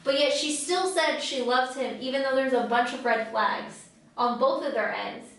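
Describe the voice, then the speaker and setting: A woman's voice: high voice, moderate pace, a bit bright. A woman co-hosting a podcast in casual chat, rambling along with lots of "like" fillers. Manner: chatty, rambling, many "like" fillers. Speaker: podcast co-host. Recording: very echoey room, mic far off.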